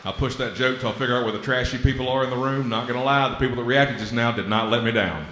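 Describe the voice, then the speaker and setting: West Virginia comic in a roomy hall. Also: male voice, medium pitch, quick pace. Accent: West Virginia Appalachian. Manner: self-deprecating, drawling, deadpan asides. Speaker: stand-up comedian. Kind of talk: stand-up comedy set. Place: comedy club stage.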